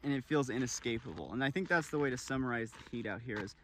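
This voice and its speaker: A video journalist from a desert region presents to camera outdoors in open desert, sometimes near vehicles, explaining things in an on-location style. His mid-range voice is fast with a fairly bright tone, and the rough field recording picks up clear ambient noise.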